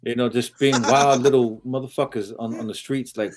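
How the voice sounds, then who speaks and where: A man's voice: medium pitch, fairly even intonation, moderate pace, faint music behind. A man from Samoa hosting a casual chat, telling rowdy stories loosely with swearing and laughter and reading out comments. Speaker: podcast host reading live-stream comments.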